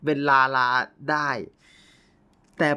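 A young man hosting a casual storytelling podcast, animated and often laughing. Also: slow, highs cut off. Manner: animated, laughing, playful exclamations. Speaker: podcast host.

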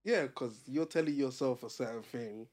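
A young man speaks at a middling pitch with a London roadman accent. He talks casually in street slang, like one of the lads co-hosting a podcast. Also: moderate pace, a little mellow. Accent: London, roadman street style. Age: young adult. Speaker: podcast co-host.

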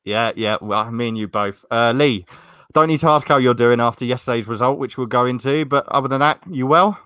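Male podcast host, casual sports chat, mid-pitched, rambling and hesitant, very dry recording. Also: a little fast, a bit bright, clean tone, dry recording.

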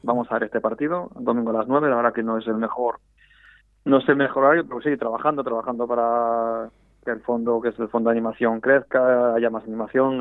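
A man's voice: medium pitch, no echo. Man talking over a tinny landline phone. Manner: hesitant, often repeats and restarts words. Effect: heard over a landline phone. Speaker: supporters' club federation president, phone guest. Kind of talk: radio phone interview. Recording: tinny, dry phone line.

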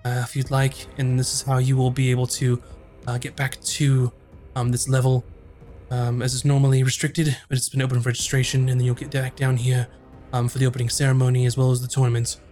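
A man narrating as game master of a tabletop game, quick and full of fillers. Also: mid-range voice, completely flat delivery, a little mellow, faint music behind.

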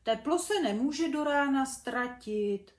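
A woman voicing a curious, cheerful young boy bumblebee who chatters in a high voice. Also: lightly acted. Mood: chatty. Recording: echoey room.

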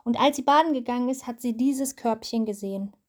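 A woman's voice: a little high, fairly quick, darkish tone. A mother telling and reading a Bible story to her child, explaining as she goes.

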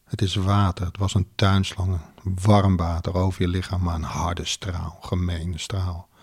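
A man narrating a second-person erotic audio story in a slow, deliberate, commanding way. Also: low-pitched, little pitch movement, a little mellow, breathy edge.

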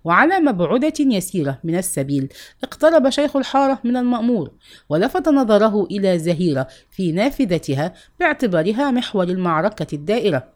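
A woman's voice: mid-range voice, big pitch swings, fast. A woman narrating a literary novel aloud, shifting her voice for the dialogue lines. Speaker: audiobook narrator.

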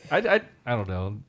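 A playful man co-hosts a relaxed podcast from a desk, his voice sitting on the low side. He chats loosely and likes to toss in silly put-on voices. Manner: playful, slips into joke voices. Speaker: podcast co-host. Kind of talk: casual chat. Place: indoors at a desk.

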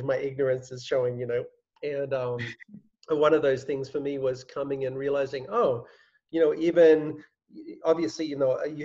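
A man's voice: mid-range voice, a little mellow. A man interviewing his guests, musing aloud in a hesitant way with many fillers. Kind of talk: conversational interview. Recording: dull lo-fi recording.

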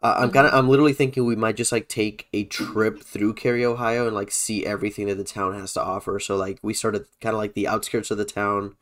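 A man co-hosting a podcast in casual chat, animated and laughing as he reads bullet points aloud. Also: fairly low pitch, fast talker, hardly any pauses. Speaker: podcast co-host. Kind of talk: casual chat about a theme park event.

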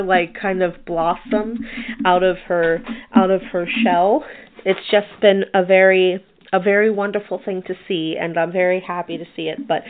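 A woman hosting a podcast, chatting casually and rambling with many restarts. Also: mid-range voice. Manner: rambling, with frequent restarts and fillers. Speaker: podcast host. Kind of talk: casual chat. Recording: tinny phone-like sound.

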